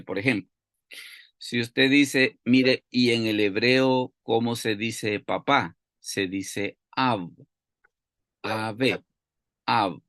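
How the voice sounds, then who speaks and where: A man gives a Bible study lesson at a mid-range pitch. He explains patiently and keeps posing questions that he answers himself. The recording is dry and close, with no room echo. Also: a bit bright. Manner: explanatory, asks and answers his own questions. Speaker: Bible teacher.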